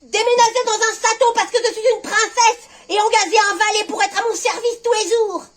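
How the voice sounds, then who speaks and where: A woman's voice: extremely high pitch, fairly even intonation, brisk, voice pushed up. A woman voicing a spoiled, haughty little girl who looks down on everyone, with a snobbish, scornful manner.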